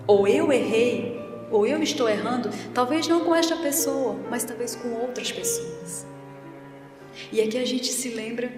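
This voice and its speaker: A woman with a fairly high voice giving a public spiritist lecture, telling a story and bringing its characters to life. She is heard from a distance in a reverberant hall, with faint music underneath. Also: darkish tone. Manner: storytelling, acts out quoted voices.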